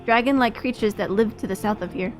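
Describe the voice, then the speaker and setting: A woman reading aloud a calm game companion explaining a plan, in a measured way. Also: a little high, faint music behind, natural voice. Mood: planning.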